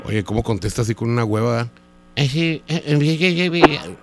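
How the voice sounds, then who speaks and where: A man's voice: medium pitch, expressive, normal speed, background noise. A Mexican radio host making a prank phone call, teasing and flirty, drawing out his words.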